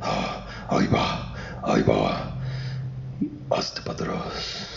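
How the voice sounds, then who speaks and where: Storybook dragon, deep and gravelly, boastful and slow. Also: male voice, steady tone, a little mellow, a little hiss or hum, exaggerated voice. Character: huge proud ferocious male dragon. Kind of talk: storytelling on a radio show. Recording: roomy lo-fi sound from off-mic.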